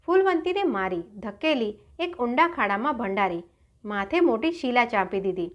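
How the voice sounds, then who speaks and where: A woman storyteller narrates a folk tale with drama and many exclamations. Her voice sits high. The delivery is expressive throughout. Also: moderate pace.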